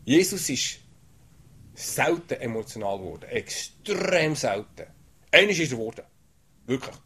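Lively husky preacher. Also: male voice, medium pitch, a little slow. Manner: animated, often asks "oder?". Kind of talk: sermon.

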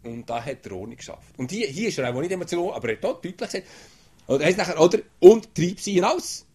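A man preaching a sermon in an animated way, often checking in with "oder?". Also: a little high, very fast, husky.

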